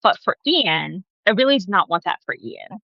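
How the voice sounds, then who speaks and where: A woman born in Guyana, talking as an interview guest in a relaxed, conversational way and often adding "right?" to her points, over a video call. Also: medium pitch, normal speed, creaky, no echo, muffled recording. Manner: conversational, frequent "right?" asides.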